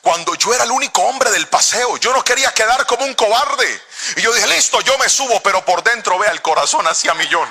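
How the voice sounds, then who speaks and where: A middle-aged pastor from Cali, with a Colombian accent, preaches a sermon and tells a story in an animated, theatrical style, breaking into sudden shouts. His voice is high and his pace brisk.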